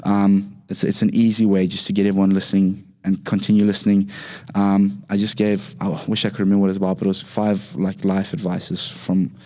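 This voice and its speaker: A young man from Zimbabwe with a Zimbabwean accent, chatting relaxed as a podcast guest, with many fillers and restarts. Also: sits low, fairly quick. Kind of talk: casual interview talk.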